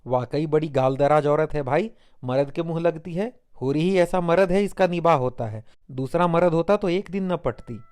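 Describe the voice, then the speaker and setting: Man doing a gossiping village shopkeeper woman, high, mocking, needling, storybook audiobook. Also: normal speed, darkish tone, clear, resonant tone, lightly acted.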